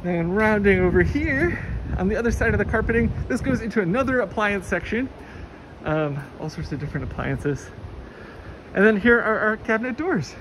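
A medium-pitched woman with lively intonation and normal pace gives a relaxed, enthusiastic walking tour of a large warehouse, chatting with plenty of fillers. It's shot on a handheld phone while walking, with noisy warehouse background.

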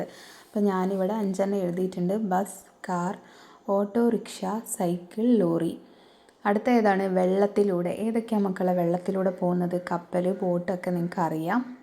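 A woman teaching a class of young children, reading rhymes slowly in a sing-song way and asking them questions. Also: medium pitch, creaky, dark tone. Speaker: primary school teacher. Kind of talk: textbook lesson for young children.

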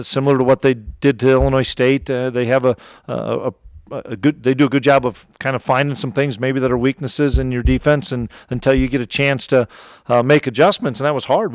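A middle-aged man with an Upper Midwest American accent, a head football coach answering press questions after a game in a relaxed, plainspoken way, with many fillers and restarts. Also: mid-range voice, no echo, clean studio sound. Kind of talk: postgame press conference answers. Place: press room in front of a sponsor backdrop. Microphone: table mic close in front.

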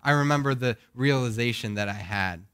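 A man's voice: mid-range voice, a little fast, a bit bright, smooth, no echo, clean studio sound. A young man preaching a sermon to his congregation, earnest and full of questions, with a groggy voice. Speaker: pastor.

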